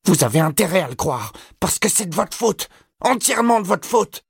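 Homme qui joue un adolescent hystérique et aigu. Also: male voice, very animated, normal speed, vocal fry, slightly rough, no echo, clean studio sound, heavily acted. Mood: furious. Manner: shrill, shouting, venomous. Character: frantic furious teenage boy.

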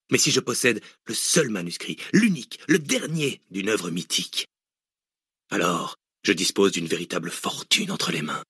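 A male audiobook reader voicing a cynical, deranged hooded villain who lectures mockingly and erupts into shouts. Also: on the low side, husky, no echo, studio quality, heavily acted. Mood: gloating. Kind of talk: audiobook reading.

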